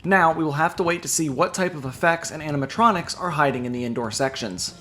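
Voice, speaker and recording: High-pitched man narrating a scripted video. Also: fast, sharp tone. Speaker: theme park news video narrator.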